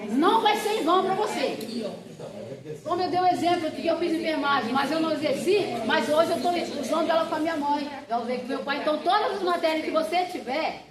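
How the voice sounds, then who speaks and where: A woman pastor gives a chatty church lesson in a high, bright voice. She tells personal anecdotes and speaks straight to her students. The sound is echoey, with a class audience audible in the room. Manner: chatty, animated storyteller who acts out quotes and addresses the class directly. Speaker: pastor teaching a Bible class.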